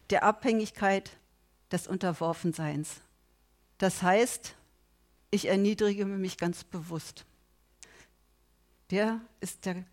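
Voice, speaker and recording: A middle-aged woman preaching a sermon with fervor. Her voice sits in an ordinary middle register. She rises to loud, pressing appeals, then drops to quiet, weighty emphasis. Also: medium pitch. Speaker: pastor.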